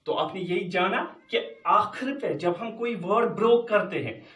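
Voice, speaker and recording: A man teaching a punctuation lesson, slowly repeating words as he switches between English and Hindi. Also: high voice, animated, a bit bright, recorded from a distance. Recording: echoey room, voice from off-mic.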